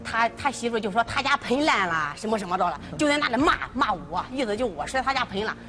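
A woman's voice: fairly high pitch, very animated, fast. A woman complaining heatedly to a mediator about a family quarrel, agitated and stammering, often seeking agreement. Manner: agitated, stammering, keeps asking "right?". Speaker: party in a family dispute.

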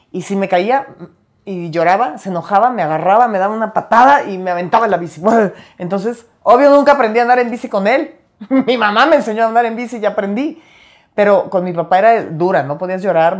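A woman talks through personal memories in a relaxed interview. Her voice sits low and deep, and she slips into the voices of the people she quotes. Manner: animated storyteller, acts out quoted lines, laughs between stories. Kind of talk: candid interview storytelling.

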